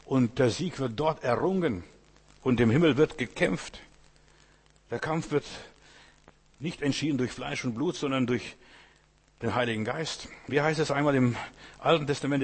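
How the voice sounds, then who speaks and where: A man's voice: mid-range voice, breathy edge. A man preaching a sermon, speaking emphatically in repeated parallel phrases and addressing the listener directly. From Asia. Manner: repetitive, emphatic preaching with rhetorical questions to the listener.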